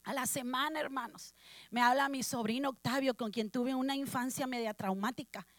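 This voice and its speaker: A woman's voice: high-pitched, moderate pace, dry recording. A woman preaching a testimony to her congregation, telling her story with emotion. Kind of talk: sermon testimony.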